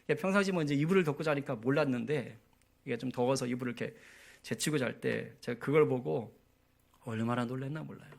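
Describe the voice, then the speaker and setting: Quick-paced and mid-range with some vocal fry, this man preaches as pastor at a church prayer meeting. His sermon unfolds through storytelling, and he regularly asks the congregation for their agreement.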